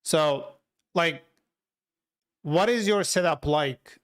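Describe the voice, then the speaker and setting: His fairly high voice sounds clear and resonant, and he talks slowly. This Turkish software developer, who speaks with a Turkish accent and is a native Turkish speaker, works on a livestream while chatting casually and responding to viewers.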